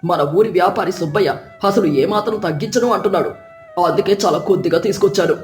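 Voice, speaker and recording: A woman's voice: lowish voice, fast, pitched below the performer's own voice, natural voice. A woman voicing a stingy village husband who grumbles and scolds. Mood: grumbling stingy. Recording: roomy, distant, with soft music.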